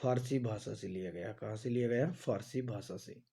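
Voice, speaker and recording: Male tutor, exam-prep drill, very dark mellow tone, asks then repeats answers, filler-heavy delivery. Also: on the low side, moderate pace, creaky, husky. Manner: says "आपका" and "जो है" a lot. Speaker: teacher.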